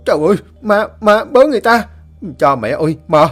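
A man's voice: mid-range voice, expressive, a little fast, warm tone, slightly rough, soft background music. A man voicing a panicked young man who shrieks and stammers in terror. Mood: terrified.

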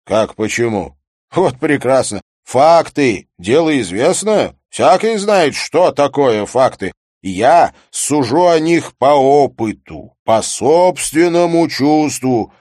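A man's voice: medium pitch, big pitch swings, a little mellow, dry recording, studio quality. Man playing a sardonic grumbling provincial skeptic. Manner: sarcastic, blunt, drawn-out grumbling. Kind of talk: audiobook character reading.

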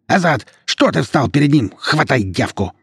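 A man voicing a jealous, lame, middle-aged clan head who shouts and blusters in a husky voice. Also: mid-range voice, animated, normal speed, dry recording, clean studio sound, pitched above the performer's own voice. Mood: shouting.

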